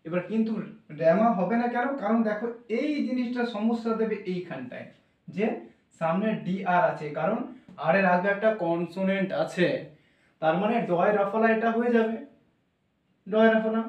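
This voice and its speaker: A man with a high voice explains English pronunciation, slowly sounding out each letter and repeating himself patiently. He is heard from a distance in a roomy, echoing space. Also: highs cut off. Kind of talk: classroom explanation. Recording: echoey room from far off.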